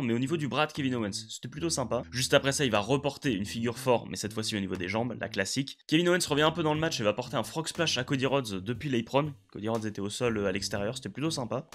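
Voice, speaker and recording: Fast-talking man recapping a match. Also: medium pitch, fairly bright tone. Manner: chatty, hesitant with frequent fillers; enthusiastic play-by-play recap. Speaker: wrestling show reviewer. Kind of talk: casual spoken review.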